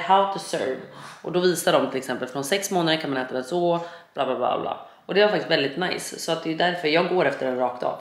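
A woman vlogging at home in a casual chat, animated and blunt, swearing freely and acting out little quoted asides. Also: sits low. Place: home, indoors. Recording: echoey room, faint background noise.

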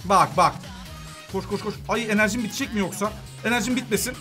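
A woman with a Turkish accent hosting a gaming channel, giving excited let's-play commentary full of urgent, repeated commands. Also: mid-range voice, fast, music in the background.

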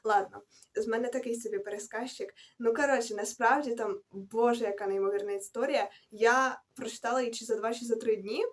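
A woman's voice: a little high, steady tone, brisk. A young woman rambling casually through her book reviews in a vlog, correcting herself and adding slangy asides as she goes. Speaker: book vlogger.

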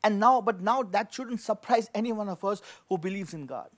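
A middle-aged pastor preaches a sermon at a lectern in an indoor studio with a dark backdrop, holding a handheld microphone. His high-pitched voice runs a little fast, and he's emphatic, repeating key phrases and posing rhetorical questions.

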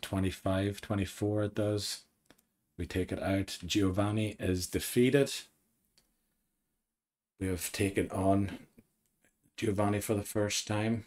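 A man giving calm, analytical let's play commentary on his run, saying his voice is going. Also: a little slow. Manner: calm, analytical and low-key. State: losing his voice. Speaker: gaming commentator.

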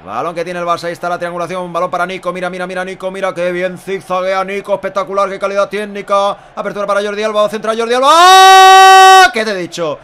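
A man with a high, forceful voice and an accent from Spain delivers live Spanish goal commentary. He is emphatic and repeats himself like an excitable fan, recorded at home with clear background noise. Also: very fast, few pauses. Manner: emphatic, repetitive, swearing and exclaiming. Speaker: football commentator. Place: small indoor room at home.

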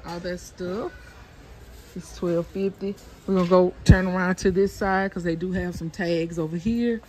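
A woman's voice: fairly low pitch, steady tone, normal speed, a little mellow, slight background noise. A woman narrating casually while walking through a store, reading out prices with many ums, recorded on a handheld phone. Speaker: shopping vlogger. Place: indoors in a large store aisle. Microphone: handheld phone camera.

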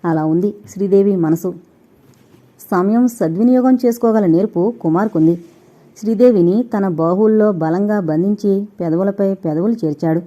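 Woman reading a novel aloud, super mellow dark voice, kinda dull lo-fi audio. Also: medium pitch, normal speed. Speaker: audiobook narrator. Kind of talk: scripted novel narration. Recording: dull lo-fi recording.

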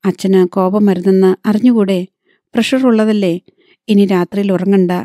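A woman voicing a sad, patient young woman pleading gently with her father in an audiobook. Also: mid-range voice, steady tone, normal speed, no room sound, studio quality, lightly acted.

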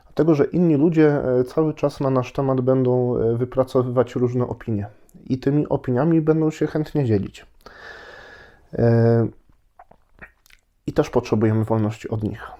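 A priest with a cold giving a short, unhurried Lenten meditation from his home, pausing often with hesitations. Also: mid-range voice, fairly even intonation, dark tone, highs cut off. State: has a cold. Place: at home, indoors.

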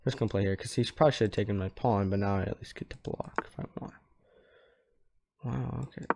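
Young male gamer, lowish voice, casual off-the-cuff commentary on his own play. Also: fast, gravelly, darkish tone. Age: young adult. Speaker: chess player. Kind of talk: casual thinking-aloud game commentary. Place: small room at home.

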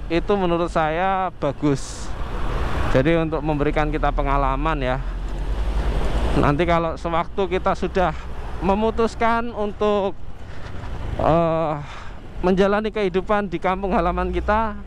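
A young motovlogger narrates casually while riding his motorcycle through heavy traffic, chatting warmly to viewers as if they were friends. His voice is on the high side, a little slow, with frequent pauses. Faint traffic noise sits behind him.

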